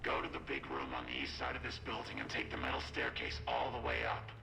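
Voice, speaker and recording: An actor playing an impatient, secretive male ghoul in a video game, gravelly, curt and urgent. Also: lowish voice, sing-song, fast talker, heavy background noise, heavily acted. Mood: impatient, commanding. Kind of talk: video game character acting.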